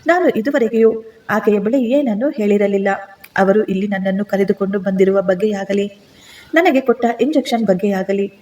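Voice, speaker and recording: Mellow-voiced woman telling a story. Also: mid-range voice. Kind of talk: first-person dramatic story narration.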